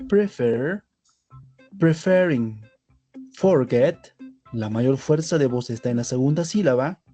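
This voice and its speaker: A man's voice: mid-range voice, dark tone, slightly rough. A man narrating a scripted language lesson, spelling out letters and pairing each word with its translation. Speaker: English teacher.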